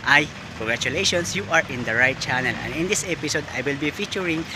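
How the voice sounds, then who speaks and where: A man's voice: fairly high pitch, lively intonation, a little fast, noisy background. A man with a Filipino accent hosting a casual vlog, friendly and chatty, with a polite manner. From Philippines. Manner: friendly, chatty, mixes English and Tagalog, polite po. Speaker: vlogger. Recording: music playing under the voice.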